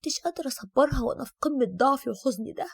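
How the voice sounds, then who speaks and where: A woman voicing a distraught young wife with an Egyptian accent, crying and pleading loudly. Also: high-pitched, animated, very fast, husky, no echo, clean studio sound, full character voice. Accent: Egyptian Arabic. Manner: pleading, tearful, raised voice.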